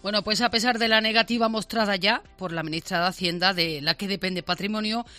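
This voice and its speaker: Bright-voiced woman reading radio news. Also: mid-range voice, fairly even intonation, soft background music. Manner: brisk, conversational news delivery. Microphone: studio microphone.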